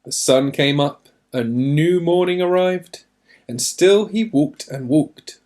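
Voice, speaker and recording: With a voice pitched on the high side, a man narrates a children's storybook aloud in an expressive style, stressing words deliberately.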